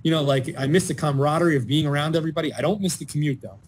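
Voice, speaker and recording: A man's voice: on the high side, racing, a little hiss or hum. A middle-aged man, a mental health and addiction counselor, giving earnest advice in an informational talk and telling stories with animation.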